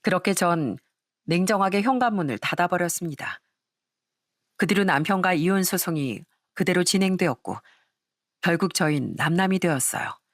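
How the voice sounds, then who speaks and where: Woman telling a first person story, steady and plain, really dry close mic. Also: on the low side, moderate pace, dry recording. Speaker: narrator.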